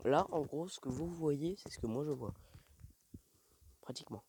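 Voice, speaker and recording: A young man rambling in slangy, self-mocking talk while walking alone outdoors at night in a dark village, recorded on the phone he carries. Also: a little high, animated, moderate pace, slight background noise. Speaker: vlogger. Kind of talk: rambling casual vlog. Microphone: phone held while walking.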